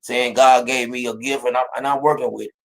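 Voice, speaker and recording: A man's voice: mid-range voice, fairly even intonation, brisk, low-quality recording. Encouraging man hosting a casual interview. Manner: encouraging, faith-talking, fills with "you know what I'm saying". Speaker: podcast host.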